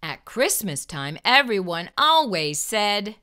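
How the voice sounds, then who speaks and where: A middle-aged woman hosting children's storytime reads slowly in a mid-range, sing-song voice with a sharp, clean tone. She speaks straight to the young listeners, stressing words in an exaggerated, expressive way. The recording is made indoors in a small furnished room via lapel microphone.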